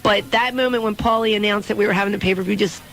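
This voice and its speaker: A woman's voice: mid-range voice, fairly even intonation, fast talker, fairly bright tone, faint music behind, low-quality recording. A young adult woman, a pro wrestler, talking casually as a radio guest and often repeating words and restarting her sentences. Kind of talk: casual radio interview chat.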